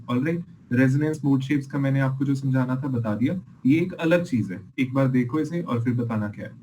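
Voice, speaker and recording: A man's voice: mid-range voice, darkish tone, a little hiss or hum, poor audio. A man teaching a class as an engineering lecturer, explaining experiment videos patiently and checking in with his students often.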